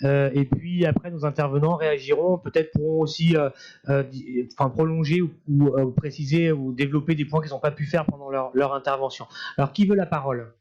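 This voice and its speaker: A man informally moderating a public discussion, halting and searching for his words as he hands out turns. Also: a little high, steady tone, darkish tone, muffled recording. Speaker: panel moderator.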